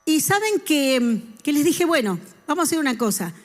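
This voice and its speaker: A middle-aged woman preaches a sermon in a lively way. Her voice sits a little high for a woman, and she keeps turning to the congregation with questions. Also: moderate pace. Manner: lively, talks with the congregation and asks them questions. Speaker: church speaker.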